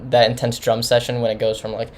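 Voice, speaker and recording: A man's voice: mid-range voice, completely flat delivery, quick pace. A man giving an informal, rambling album review, talking casually with many restarts. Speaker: music reviewer.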